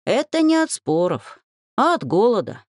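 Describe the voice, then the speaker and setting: A woman's voice: mid-range voice, big pitch swings, a little slow, no echo, studio quality, voice pushed up. A woman voicing a short, cocky half-gnome young man who bickers and lectures his friends in a storybook reading. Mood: teasing.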